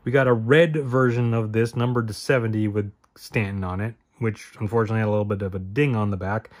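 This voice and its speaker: A man's voice: on the low side, fairly even intonation, quick pace. A man hosting a card-opening video, listing the names in each pack and rambling as he corrects himself. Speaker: card-opening channel host. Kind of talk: casual card-opening commentary.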